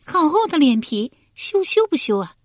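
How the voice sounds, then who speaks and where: A woman's voice: fairly high pitch, very animated, a little slow, a little mellow, no echo, studio quality, voice pushed up. Woman putting on a coy, teasing young concubine. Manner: coquettish, teasing.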